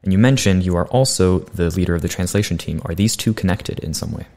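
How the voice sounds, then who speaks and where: This podcast host is a young man whose dark-toned voice sits low, and he talks fast. He reads prepared questions politely for a student podcast, speaking into a boom-mounted studio condenser mic in a small, bright room.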